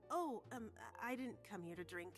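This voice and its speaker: A woman's voice: mid-range voice, expressive, normal speed, faint music behind, close to an everyday voice. A woman voicing an earnest young woman marshal in a video game, polite and a little hesitant.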